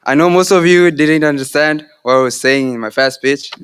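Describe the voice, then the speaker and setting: A young Kenyan man who speaks Swahili delivers a graduation speech that is earnest, devout and measured. His voice is fairly high, smooth and a bit bright.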